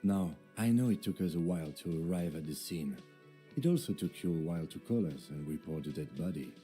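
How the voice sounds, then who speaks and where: An actor voicing a calm, methodical male police lieutenant in a video game, measured and precise. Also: low-pitched, soft background music.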